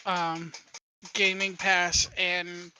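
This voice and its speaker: A man's voice: sits high, flat delivery, drawn-out words, bright, forceful tone, a little hiss or hum. A man running a tabletop game as game master, teasing and a little hesitant.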